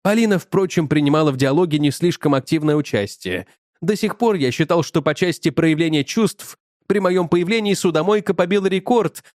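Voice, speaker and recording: A man narrating a comic first-person audiobook in an ironic, animated manner. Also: fairly high pitch, no room sound, clean studio sound.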